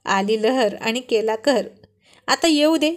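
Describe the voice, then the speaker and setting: Woman reading as a cheeky young husband, joking banter, storybook reading, fairly high voice. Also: takes it slowly. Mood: teasing. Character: playful teasing young husband.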